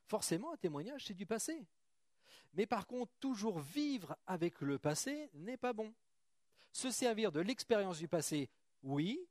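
Male preacher, slightly high voice, dry sound; reads scripture, then chatty asides to the congregation. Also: darkish tone, no echo. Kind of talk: sermon with Bible reading. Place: church.

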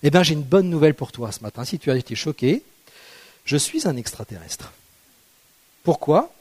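A man's voice: on the high side, very animated, normal speed, a little mellow, slightly rough. A man preaching a sermon in a conversational, playful way, often asking the congregation rhetorical questions. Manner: playful, jokes with the audience.

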